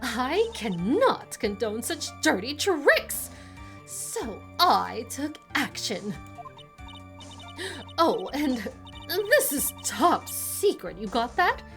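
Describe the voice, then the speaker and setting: A woman voicing a loud, pushy old woman witness who loves gossip, in a video game playthrough. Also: very animated, extremely slow, soft background music, exaggerated voice. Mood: gossipy. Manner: shrill, pushy and scolding.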